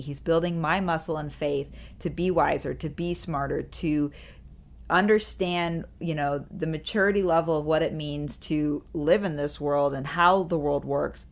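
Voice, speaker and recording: Low-voiced woman podcast co-host. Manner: earnest, laughs easily. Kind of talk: faith podcast chat.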